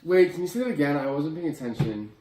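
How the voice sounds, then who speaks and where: A man's voice: a little high, very animated, fast talker, dark tone. A teenage boy playing a lazy, joking student in an amateur school skit. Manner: offhand, lazy. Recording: echoey room, faint noise.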